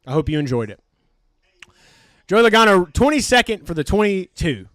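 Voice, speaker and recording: A man hosting a live race stream, giving excitable, profane, jokey commentary. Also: sits high, normal speed, no echo, clean studio sound.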